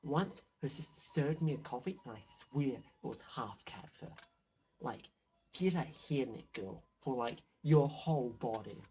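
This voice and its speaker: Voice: medium pitch, animated, a little slow, dark tone, dull audio, close to an everyday voice. A player reading game dialogue aloud as a snobbish, gossipy teenage girl with a drawling valley-girl manner full of "like". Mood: sneering.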